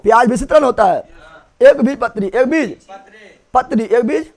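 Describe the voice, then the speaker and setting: A male teacher, giving a lesson that quickly quizzes the class and keeps repeating the key terms. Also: very high-pitched, darkish tone. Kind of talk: classroom-style online lesson.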